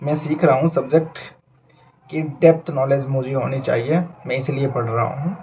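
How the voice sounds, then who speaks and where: A young Indian man in his twenties, a vlogger hoping to become a doctor, talks to camera in a casual but earnest, reflective way, mixing in English words. His medium-pitched voice is fairly even and moderately paced, on dull audio with a little hiss or hum.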